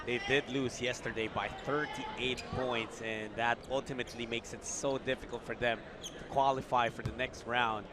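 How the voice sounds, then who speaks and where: A man's voice: mid-range voice, steady tone, moderate pace. A man calling a basketball game live as play-by-play commentator. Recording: loud arena noise behind.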